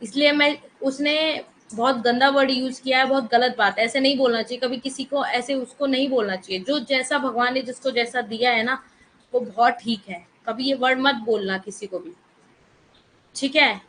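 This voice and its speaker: A woman's voice: high-pitched, steady tone, moderate pace, a bit bright, a little hiss or hum, poor audio. A woman teaching an online economics class, mixing in English terms and firmly scolding students in the chat. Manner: mixes Hindi with English terms.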